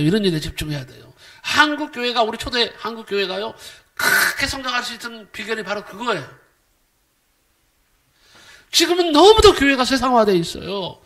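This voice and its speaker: Man, middle-aged, pastor, emphatic sermon, rhetorical questions, high pitch, bright tone. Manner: acts out quoted voices with sudden swings in loudness.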